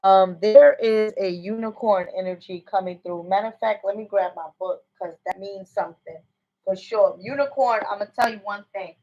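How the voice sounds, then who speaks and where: A mid-range female voice at normal speed belongs to an American psychic medium giving a casual, rambling livestream reading. She often asks "you know what I'm saying." The audio is dull.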